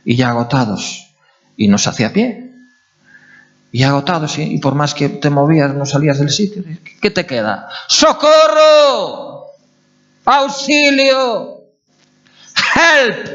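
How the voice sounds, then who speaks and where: A male pastor, preaching a sermon in an animated way and asking his congregation questions. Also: medium pitch, normal speed. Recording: dull lo-fi recording.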